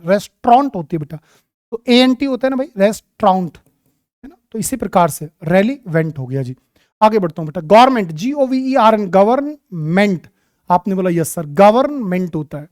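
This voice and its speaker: A man with a high voice runs an exam-prep English lesson and talks to his students fondly, like a doting elder. He spells words out slowly, one letter at a time. The recording is dry, with almost no room sound. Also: darkish tone, no echo. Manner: affectionate, calls students "my child" and "beta". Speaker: English teacher.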